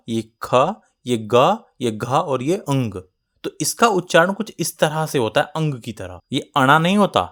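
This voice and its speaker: Patient male Hindi grammar teacher. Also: mid-range voice. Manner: patient, step-by-step, addresses students directly. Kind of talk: explanatory exam-prep lesson.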